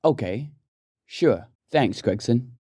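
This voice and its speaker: A man's voice: medium pitch, animated, slow pace, dark tone, husky, dry recording, studio quality. A man playing a patient, good-natured police inspector in an audio drama, speaking in a matter-of-fact way.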